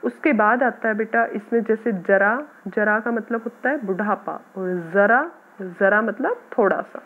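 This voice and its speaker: A woman teacher patiently explaining a grammar lesson to schoolchildren, sounding out words slowly. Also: medium pitch. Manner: patient, addresses students as "beta", repeats words slowly. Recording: tinny phone-like audio.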